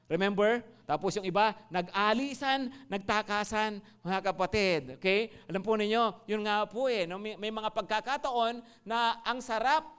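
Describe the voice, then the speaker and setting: A man with a Filipino accent preaching a sermon, animated, asking the congregation one question after another. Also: high-pitched, normal speed, few pauses, clean tone. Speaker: pastor.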